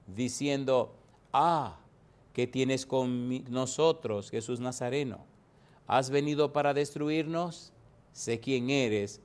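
Slow, emphatic preaching man. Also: mid-range voice. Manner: dramatic, rising to loud emphatic bursts; quotes scripture references slowly and deliberately. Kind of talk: sermon.

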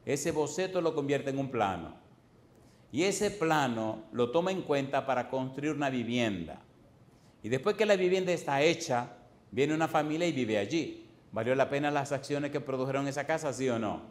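A man's voice: medium pitch, animated, moderate pace. Older guy preaching, keeps repeating himself and asking the crowd questions, big echoey room. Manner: emphatic, repetitive, rhetorical questions to the congregation. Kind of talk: sermon.

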